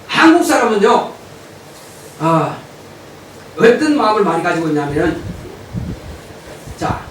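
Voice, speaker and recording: A male pastor giving an animated sermon, at times shouting to drive his points home. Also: high-pitched, a little slow. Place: church sanctuary. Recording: echoey church hall, mic at a distance, faint noise.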